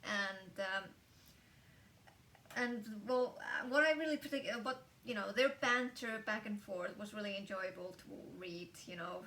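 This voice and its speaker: A woman's voice: medium pitch, a little slow, sharp tone, recorded from a distance, slight background noise. A woman casually reviewing a book, talking in a chatty way with lots of fillers and restarts.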